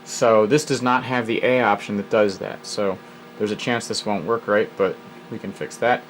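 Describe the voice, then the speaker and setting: A man's voice: on the low side, fairly even intonation, normal speed, slight background noise, poor audio. A man hosting a retro computer video, thinking aloud as he works through an old program, with wry little asides. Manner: muses aloud while reading prompts, wry asides. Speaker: retro computer hobbyist host. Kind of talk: casual think-aloud software walkthrough.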